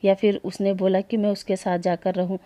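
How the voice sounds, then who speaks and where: A woman's voice: medium pitch, flat delivery, a little fast, warm tone, dry recording, close to an everyday voice. A woman doing a shy, flustered young man. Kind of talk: storytelling voice acting.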